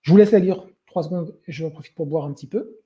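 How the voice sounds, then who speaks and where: A man's voice: a little high, quick pace, warm tone, slightly rough, lo-fi sound. A young man giving a conversational webinar talk, hesitating often with filler sounds. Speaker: webinar presenter.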